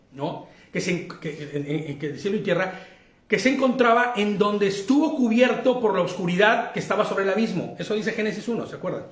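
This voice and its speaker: A Mexican man with a high-pitched voice leads a Bible study. He keeps asking his listeners questions and laughs easily as he explains. The sound carries a roomy echo. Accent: Mexican Spanish. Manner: laughs easily while teaching. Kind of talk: interactive Bible study lesson.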